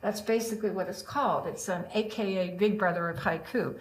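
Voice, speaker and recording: A woman's voice: mid-range voice, brisk, poor audio. An older woman speaking as an open mic poet, chatty and digressive, often addressing her listeners directly. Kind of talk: casual spoken introduction to her own poems, with short recitations.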